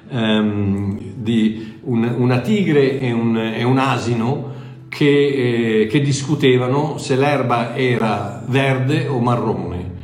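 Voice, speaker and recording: In an echoey, reverberant space, an older man preaches informally, teaching his listeners face to face. His mid-pitched voice has a darkish tone, and he stresses ideas through repeated short phrases. He keeps a conversational manner and frequently restarts sentences to correct himself.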